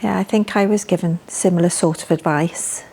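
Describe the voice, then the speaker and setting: A woman in her fifties, a patient, talking calmly and matter-of-factly about her treatment. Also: lowish voice, moderate pace, creaky, slightly rough. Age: 50s. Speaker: patient sharing her experience. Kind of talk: casual chat.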